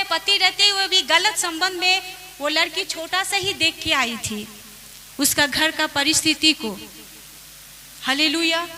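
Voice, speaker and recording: A woman pastor delivers a testimony sermon in a very high, bright voice. She speaks slowly, repeats her phrases and keeps saying hallelujah. A faint hiss runs under the recording.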